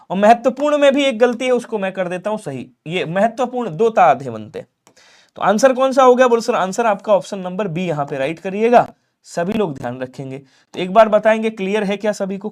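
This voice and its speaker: A man teaching Hindi grammar in a live online exam-prep class, coaxing and repeating points and pressing viewers to answer quickly. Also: high voice, darkish tone.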